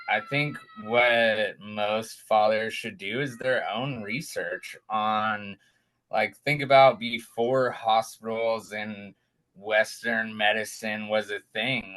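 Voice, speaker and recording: A young man, a guest father, telling his story in a casual, animated way and acting out the quotes. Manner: animated, acts out quotes with raised pitch.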